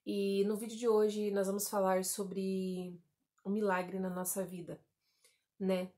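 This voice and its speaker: A woman's voice: mid-range voice, little pitch movement, takes it slowly, mellow. A woman in her thirties from Santa Catarina, Brazil, sharing a personal faith story in a casual vlog, talking straight to her viewers. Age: 30s. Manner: chatty, addresses viewers as "gente", many fillers like "né" and "tá". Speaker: vlogger.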